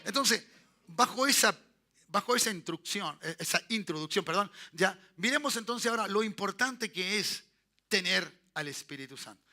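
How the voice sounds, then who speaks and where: A man, pastor of a church, preaching a sermon and checking in with his congregation through short tag questions, often repeating and restarting phrases and rising into loud bursts of praise. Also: high-pitched, animated, moderate pace. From Chile.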